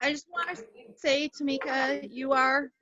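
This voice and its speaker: A woman's voice: sits high, steady tone, unhurried, bright, forceful tone. A woman on a video call, speaking in a gushing, heartfelt way. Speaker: team member. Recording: dry muffled call audio.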